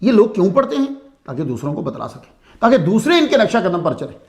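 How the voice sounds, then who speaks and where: A man's voice: high voice, very animated. A man telling a saint's story as a sermon-style lecture, in a conversational way that asks the listeners questions. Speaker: religious speaker.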